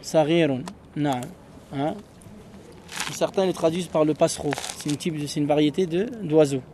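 A man teaching a classroom Arabic lesson in French, patiently quizzing students with quick questions. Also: a little high, steady tone, background noise.

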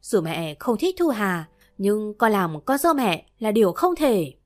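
A woman's voice: medium pitch, sing-song, unhurried. A woman reading as a stern older mother-in-law. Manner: scolding, stern.

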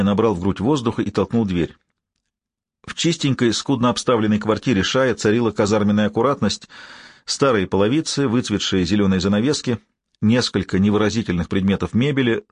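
A man reads a novel aloud in the first person, measured and grave. His voice sits low with a husky edge. The recording is dry and close. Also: no room sound. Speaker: audiobook narrator.

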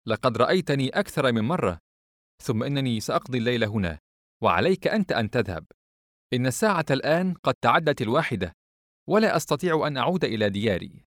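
A man's voice: medium pitch, very animated, fairly bright tone, no echo, clean studio sound. A man voicing a bold, mercenary young woman of the night who talks in a brash, teasing way in an audiobook reading. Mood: indignant. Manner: brash, teasing, quick-tongued.

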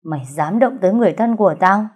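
A woman's voice: fairly low pitch, moderate pace, warm tone, close to an everyday voice. A woman reading an audiobook, voicing an older male crime boss who sounds tense and agitated. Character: older male crime boss, rattled, blustering then pleading.

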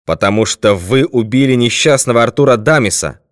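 Brief: male narrator as a steady detective, firm and commanding, lower than the other figures, dry close sound. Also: brisk, no room sound, lightly acted. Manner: firm and authoritative.

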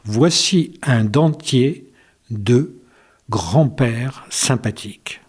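A man's voice: mid-range voice, drawn-out words, slightly rough. A man voicing a male dentist who teases his patient in a storybook reading. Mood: solemn. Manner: teasing, mock-solemn. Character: male village dentist, wry and teasing.

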